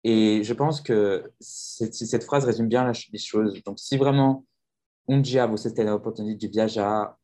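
A man's voice: fairly low pitch, steady tone, unhurried, dark tone. A man who teaches languages, talking earnestly in a casual conversation, with many restarts and fillers. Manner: earnest, reflective.

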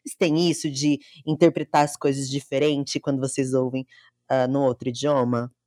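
Uma mulher com sotaque brasileiro, conversando à vontade e falando direto com os ouvintes numa sala online. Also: female voice, rumbling low, little pitch movement, normal speed, mellow, dry recording, studio quality. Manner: chatty, talks to the listeners directly. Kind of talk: casual chat in an online audio room.

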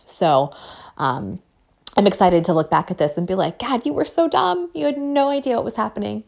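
Casual woman podcaster in her thirties, a bit gravelly, self-deprecating and open. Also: mid-range voice, a little mellow. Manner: candid, chatty, self-deprecating. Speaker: podcast host. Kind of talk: casual solo podcast talk.

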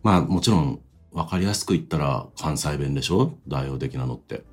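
Low husky man, relaxed chat. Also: a little fast, soft background music. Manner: relaxed, musing, trails off softly. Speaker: podcast co-host reading listener mail. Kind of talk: casual chat.

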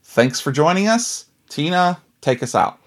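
A man's voice: on the high side, very animated, a little slow. A man hosting a podcast in a casual, chatty style. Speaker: podcast host.

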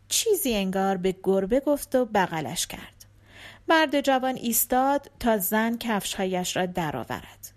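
Woman reading a short story aloud, calm and measured, high voice. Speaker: audiobook narrator. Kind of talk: scripted narration.

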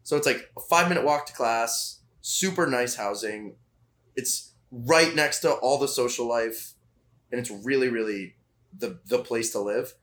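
A young man in casual conversation with an old friend, speaking at an ordinary middle pitch. He is laid-back and joking, laughing easily as he tells stories. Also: a little slow, fairly bright tone. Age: young adult. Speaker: college student guest. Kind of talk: casual chat.

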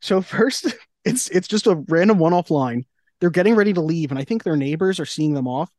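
A woman's voice: fairly low pitch, fairly quick, no echo. A young woman co-hosting a podcast in casual chat, laughing often and acting out her reactions. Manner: laughing, animated, acts out reactions in quoted voices. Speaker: podcast co-host.

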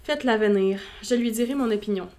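A woman's voice: medium pitch, quick pace, a little mellow, close to an everyday voice. A woman voicing a dry, detached older father in a storybook reading, placid and unbothered.

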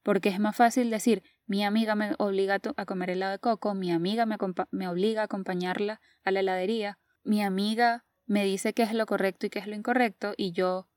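A woman's voice: mid-range voice, darkish tone, no room sound, clean studio sound. A woman in a reflective personal talk, earnest and musing, reading a caption aloud and sharing advice she got.

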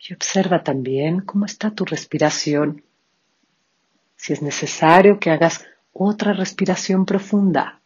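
A yoga instructor leading a guided breathing meditation, giving calm, soft-spoken instructions and counting out breaths. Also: mid-range voice, unhurried, breathy edge. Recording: dull lo-fi recording.

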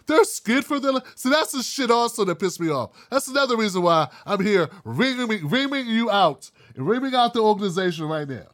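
A man hosting his own commentary show, ranting bluntly and heatedly in casual, profane talk, with quick mocking impressions. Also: sits high, animated, a bit bright. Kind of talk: casual opinion monologue.

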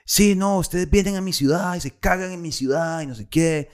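A man voicing an angry, hostile young man from a nightclub who shouts and accuses. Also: high voice, brisk, pitched above the performer's own voice, natural voice. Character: angry young male local clubgoer, hostile.

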